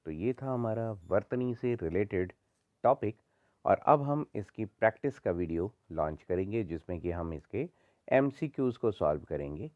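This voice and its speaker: A man's voice: lowish voice, lively intonation, moderate pace, no echo. A man teaching a spelling lesson, repeating each word in its wrong form and then its right one. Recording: dull, slightly muffled dry sound.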